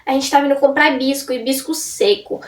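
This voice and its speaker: A woman's voice: high-pitched, steady tone, brisk. A young woman vlogging in a casual, rambling way, often breaking off and restarting her sentences. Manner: rambling, self-interrupting, chatty. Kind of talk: casual chat to camera. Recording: roomy sound from a distance off the mic.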